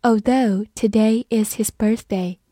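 A woman's voice: fairly high pitch, fairly even intonation, slow pace, warm tone, dry recording, clean studio sound. A woman teaching English vocabulary, saying each word twice and then giving its meanings, in scripted lesson narration.

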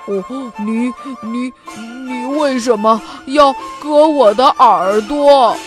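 A woman's voice: medium pitch, animated, a little slow, voice pushed down, lightly acted. A woman doing a flustered old bear. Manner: flustered, stammering. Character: old male bear, slow-witted and frightened. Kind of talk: children's storytelling. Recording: music playing behind. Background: background music.

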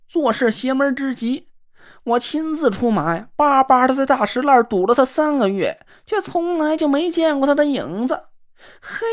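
A woman's voice: sits high, pitched above the performer's own voice. Woman putting on a fawning, effeminate sly man. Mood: complaining. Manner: wheedling, drawn-out sing-song coaxing. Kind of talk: audiobook character voice.

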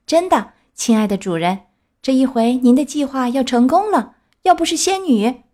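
Storybook role: woman voicing a high, chatty, cheeky wooden puppet boy. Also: expressive, normal speed, dark tone.

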